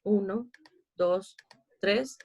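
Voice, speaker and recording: A gravelly, mid-range voice with a breathy edge delivers a very slow lesson. The speaker is a Costa Rican woman, an adult with a child, patiently explaining poetry meter in an online class and counting syllables out loud step by step.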